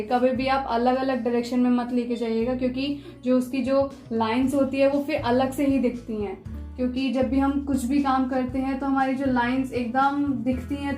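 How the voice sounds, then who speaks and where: A woman with a slightly high voice teaches a drawing tutorial at an unhurried pace. She repeats each instruction with patience. Her voice rings in a roomy space, with faint music in the background. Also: a little mellow. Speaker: art teacher. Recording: echoey room with faint music.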